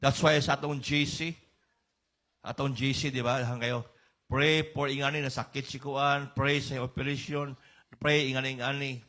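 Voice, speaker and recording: A middle-aged man with a Cebuano accent preaching a sermon, mixing English and Cebuano and rising to high, emphatic peaks. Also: flat delivery, moderate pace, sharp tone. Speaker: pastor.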